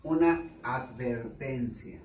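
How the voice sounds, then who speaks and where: A man with a Mexican Spanish accent preaching a sermon, repeating himself and asking the congregation rhetorical questions, at times suddenly loud. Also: mid-range voice, slow pace. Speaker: pastor. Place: church. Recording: echoey room, distant mic, faint background noise.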